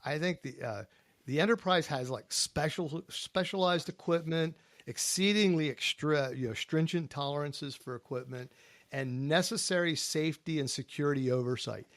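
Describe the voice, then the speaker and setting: A man's voice: on the high side, normal speed, fairly bright tone, no echo. A man on a panel podcast, talking in an emphatic, folksy way and posing rhetorical questions to his co-hosts. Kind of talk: casual panel discussion.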